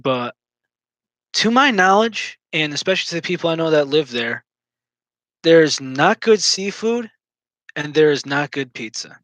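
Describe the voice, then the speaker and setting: A man's voice: fairly high pitch, a bit bright, no room sound. A man in casual chat, rambling and teasing his co-host with jokes.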